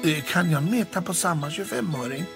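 A man voicing a timid, meek tailless male cat who speaks softly in a children's story. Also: on the high side, animated, vocal fry, music in the background. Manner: meek and soft-spoken.

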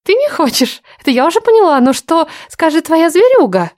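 A sly, sneering young shapeshifter woman, put on by a female narrator in an audiobook. Her voice sits noticeably higher than the narration. She speaks in a teasing, mocking way. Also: big pitch swings, fairly quick, a little mellow.

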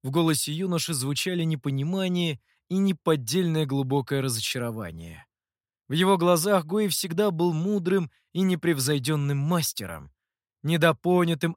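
A man's voice: on the high side, dry recording, studio quality. A man narrating an audiobook, reading expressively in a storytelling manner. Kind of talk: scripted narration.

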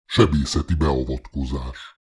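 A man doing a deep cold medical machine. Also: husky, full character voice. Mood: flat, mechanical. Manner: flat, clipped announcements.

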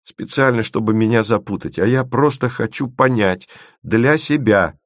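A man reading an audiobook, voicing a dreamy, stubborn young woman who speaks softly and a little painfully. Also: medium pitch, steady tone, normal speed, gravelly, dry recording, clean studio sound, voice pushed up. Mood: protesting. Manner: soft, pained and wistful.

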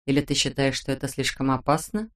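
A woman narrator voicing a sly, self-assured young woman who teases her friend in a low, hushed way in an audiobook. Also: steady tone, fairly quick, close to an everyday voice. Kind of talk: audiobook character voice.

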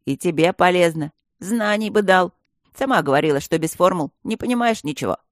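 A man voicing a jolly, teasing male stone gargoyle who banters loudly in an audiobook. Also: high voice, fairly quick, dry recording, clean studio sound, lightly acted. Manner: loud, bantering, cheeky.

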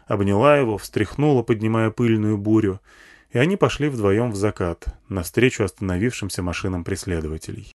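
A man's voice: fairly low pitch, brisk, darkish tone. A man narrating a first-person post-apocalyptic audiobook in a dry, matter-of-fact way. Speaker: audiobook reader.

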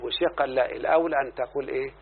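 A man's voice: mid-range voice, steady tone, rapid-fire, creaky, breathy edge. Egyptian man teaching grammar over a tinny line. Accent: Egyptian Arabic. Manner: explains verses and checks in with his student. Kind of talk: classroom lesson on grammar. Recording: lo-fi phone-like recording with faint hiss.

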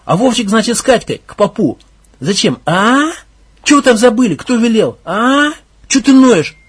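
A man voicing a hot-tempered young village gang leader who barks, mocks and shouts. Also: high-pitched, fairly quick, slightly rough. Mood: scornful. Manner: angry, mocking, shouting, coarse.

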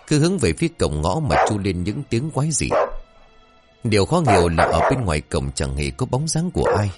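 Low-voiced man telling a ghost story. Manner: dramatic, expressive storytelling. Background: faint music.

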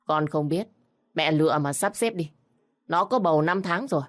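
A woman's voice: low voice, normal speed, lightly acted. A woman voicing a violent, threatening young man in a storybook reading. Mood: blunt. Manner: threatening, shouting. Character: violent drugged young brother-in-law.

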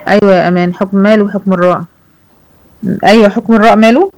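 A woman with an Egyptian accent teaching a Quran recitation lesson to girls. She explains the rules slowly, repeats examples and checks that her students follow. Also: mid-range voice, steady tone, darkish tone, low-quality recording. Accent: Egyptian Arabic. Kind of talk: online tajweed lesson.

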